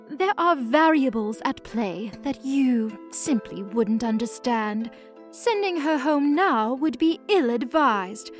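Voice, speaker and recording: A woman's voice: high-pitched, lively intonation, slow pace, soft background music. A woman voicing a proud young goddess princess, haughty and full of rage. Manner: haughty, then shouting in rage.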